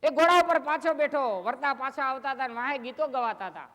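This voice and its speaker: A man's voice: extremely high pitch, fairly quick, a bit bright. A man telling comic stories on stage, chatty and anecdotal, acting out his neighbours' questions. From Gujarat, India. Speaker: folk comedy storyteller. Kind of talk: live stage comedy storytelling. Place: live stage show. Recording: long hall reverb.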